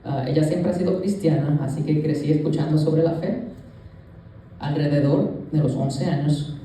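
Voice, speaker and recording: A man's voice: on the high side, warm tone, slight background noise. A young man from Rico, earnestly telling his personal testimony to a church congregation and addressing them directly. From Puerto Rico. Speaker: youth leader giving a church testimony. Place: church sanctuary. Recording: echoey church hall, voice from a distance.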